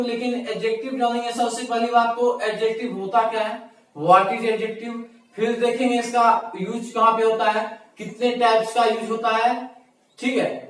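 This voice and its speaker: A man with a high voice teaches a grammar lesson in a very echoey room. He explains patiently, repeats key words and asks himself questions. The mic sits well away from him. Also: recorded from a distance. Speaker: English teacher. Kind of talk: classroom-style grammar lesson.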